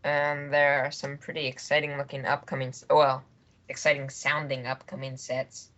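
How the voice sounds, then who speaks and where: A man's voice: mid-range voice, monotone, normal speed, a bit bright. Easygoing male podcast co-host, lo-fi sound. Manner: easygoing, informative, good-humored. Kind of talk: casual chat about toy sets. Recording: dull lo-fi podcast recording.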